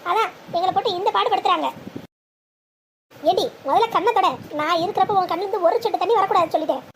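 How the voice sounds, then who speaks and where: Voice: very high-pitched, fast, a bit bright, a little hiss or hum. A performer voicing a domineering mother who heads the family in a cartoon drama and scolds harshly and threateningly. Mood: indignant.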